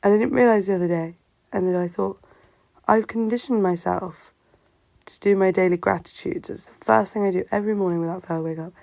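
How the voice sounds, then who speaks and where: Creaky, sore-throated woman musing. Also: mid-range voice, fairly even intonation, darkish tone, dry recording. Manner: halting, musing, self-questioning. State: sore-throated, unwell-sounding voice. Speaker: solo host of a personal talk show. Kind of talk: casual reflective monologue.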